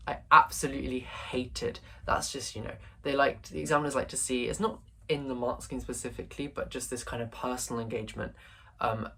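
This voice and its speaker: A man's voice: medium pitch, steady tone, a little fast, vocal fry, pushed and bright, slight background noise. A young man tutoring through an exam paper, thinking aloud with frequent hesitations and fillers. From England. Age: late teens. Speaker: language tutor. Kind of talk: screen-recorded exam walkthrough.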